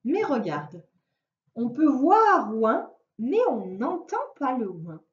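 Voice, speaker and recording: Slow, patient woman teaching reading. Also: fairly high pitch, big pitch swings. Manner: slow, patient, sounds out words syllable by syllable. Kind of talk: reading lesson for a young child. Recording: roomy, distant, dull lo-fi sound.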